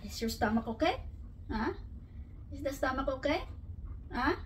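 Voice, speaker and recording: A woman's voice: sits high, animated, measured pace. A middle-aged woman from the Philippines chatting casually at home as a vlogger, mixing Tagalog and English and laughing often. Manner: coaxing baby talk to her dog. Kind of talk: casual chat. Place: at home indoors. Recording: far from the mic, faint room noise.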